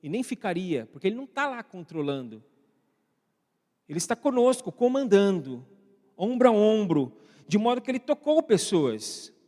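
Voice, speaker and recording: In a reverberant church hall, a man with a Brazilian accent preaches casually, often turning questions to the congregation and greeting viewers at home. His high voice moves through wide pitch swings at a moderate pace and sounds a little mellow.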